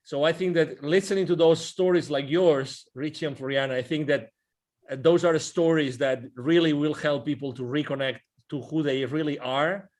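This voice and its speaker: A man's voice: a little high, steady tone, normal speed, darkish tone. Rambling, enthusiastic male co-host. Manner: rambling, repeats words, enthusiastic. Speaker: podcast co-host. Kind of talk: casual interview.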